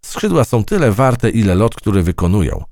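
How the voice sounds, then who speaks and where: A man's voice: on the low side, big pitch swings, moderate pace, a little mellow, no echo, studio quality, voice pushed up. A man voicing an earnest, plucky young female mouse in a children's story.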